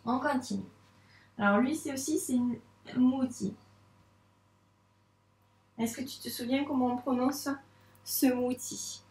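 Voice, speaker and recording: Slow patient woman teacher, echoey room. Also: high voice, a little mellow, distant mic. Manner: slow, patient, sounds out syllables and letters. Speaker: first-grade teacher. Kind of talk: reading lesson for young children.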